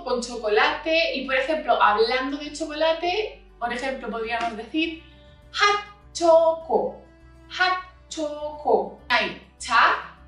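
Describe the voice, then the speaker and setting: A woman teaching a casual language lesson, drilling syllables slowly and clearly. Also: high-pitched, fairly bright tone, echoey room.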